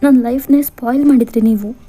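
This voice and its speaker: A woman's voice: on the high side, fairly quick, warm tone, close to an everyday voice. A woman voicing a stubborn young bride who argues back with emphatic, indignant force. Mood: hurt, upset. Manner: pleading then defiant, emphatic.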